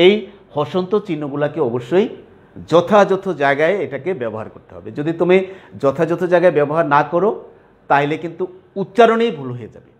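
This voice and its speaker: Male teacher, a bit high in pitch, patient classroom lecture that keeps checking understanding. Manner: repeats words slowly and asks 'clear?' often.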